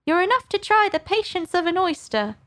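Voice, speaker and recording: A woman's voice: very high voice, sing-song, brisk, a bit bright, voice pushed up, exaggerated voice. A woman reading aloud and voicing a snappish, cheeky young female crab.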